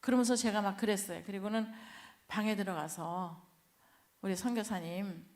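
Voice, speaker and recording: A woman's voice: mid-range voice, fairly even intonation, moderate pace, darkish tone. A woman missionary giving a heartfelt testimony in church, telling her story and acting out what people said. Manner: heartfelt storytelling, acts out quoted speech.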